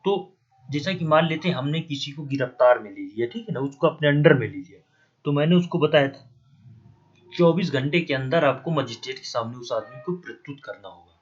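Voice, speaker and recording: The recording is dull and lo-fi: a Hindi-accented man with a fairly high, husky voice, speaking a little fast, gives an exam-prep classroom lecture while writing on a board. He spells terms out letter by letter and regularly checks with "ठीक है ना".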